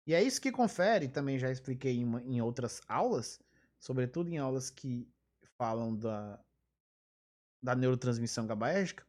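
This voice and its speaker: A woman's voice: sits low, a little mellow. A woman giving a live online physiology lecture. She explains by repeating key terms, wanders into asides, and throws in emphatic rhetorical questions.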